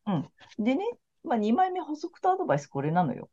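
A woman's voice: on the high side, huge pitch swings, fast, mellow, slightly rough. A woman tarot counselor in casual podcast chat, talking in a frank, laid-back, chatty way. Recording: slightly muffled lo-fi audio.

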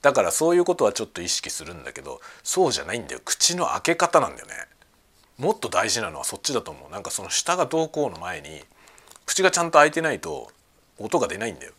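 Male podcast host, casual chat, talkative and excited, bright tone. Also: on the low side, quick pace, husky. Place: at home, cooking and eating lunch.

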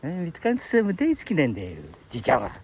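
A man's voice: on the high side, wildly swooping pitch, very fast, noisy background. Rambling old man with Aichi dialect. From Aichi, Japan. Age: 70s. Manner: rambling, chuckling reminiscence. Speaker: live streamer. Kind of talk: casual live-stream chat.

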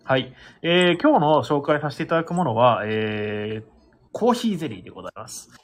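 Chatty, quick-talking husky host. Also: male voice, medium pitch, expressive. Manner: chatty, laughing, many fillers. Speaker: radio show host. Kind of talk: casual chat on a livestreamed radio show. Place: board game bar. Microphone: iPhone held close.

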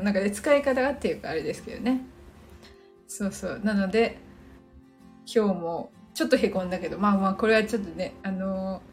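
A woman hosting a casual solo livestream, rambling and correcting herself, laughing often, and saying her few English phrases with a Japanese accent. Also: mid-range voice. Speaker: livestream host.

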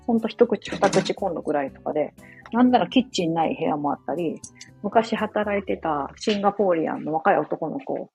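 A woman from Osaka hosting a casual live stream from her home kitchen, chatting in a rambling way full of fillers and quick apologies. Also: medium pitch, gravelly, low-quality recording. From Osaka, Japan. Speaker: live audio stream host. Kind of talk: casual chat while cooking, reading listener comments.

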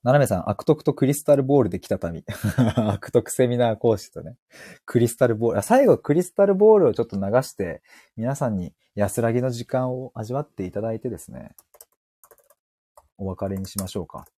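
A man's voice: medium pitch, animated, brisk, warm tone, breathy edge, no echo. Giggly male live-stream host. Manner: playful and giggly, laughs often and teases himself. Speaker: podcast host. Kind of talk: live stream chat reading listener comments.

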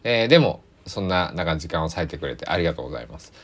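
A man's voice: deep voice, expressive, very fast. A man, hosting a casual solo podcast in a chatty, rambling way that keeps correcting itself. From Kochi, Japan. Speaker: podcast host.

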